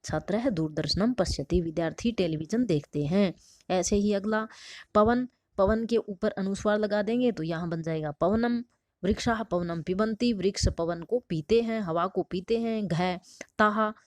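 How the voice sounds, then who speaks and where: A woman's voice: medium pitch, moderate pace, darkish tone, no echo. Patient woman teacher, dry sound. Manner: patient, asks and answers her own questions. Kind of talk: explaining a textbook lesson.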